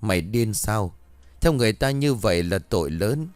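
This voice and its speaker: A man voicing a stern old exorcist grandfather from a storybook reading, low scolding voice with lively rises and falls. The sound is dry and close. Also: moderate pace, no room sound, lightly acted.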